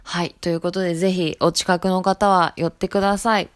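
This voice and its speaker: A woman with a Hiroshima accent chatting casually on her voice blog as a shop salesperson, relaxed and talkative. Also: lowish voice, fairly quick. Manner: chatty and relaxed, dialect thickening as she loosens up.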